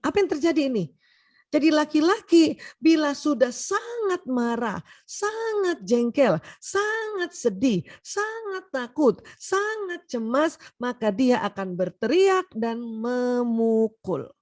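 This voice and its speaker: A woman doctor giving a humorous seminar lecture, lively and teasing, often acting out quoted voices. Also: high-pitched, takes it slowly.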